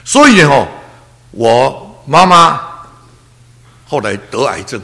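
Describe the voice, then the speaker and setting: A man's voice: medium pitch, big pitch swings, slow pace, bright, forceful tone. Man around 80, pastor. Earnest testimony with emotional swings. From Taiwan. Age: about 80. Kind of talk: personal testimony.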